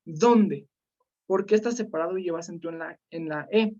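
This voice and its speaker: A woman's voice: fairly low pitch, normal speed, warm tone. Woman teacher calling on students. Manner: questioning students by name, many fillers. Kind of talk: online class lesson. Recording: slightly dull lo-fi sound.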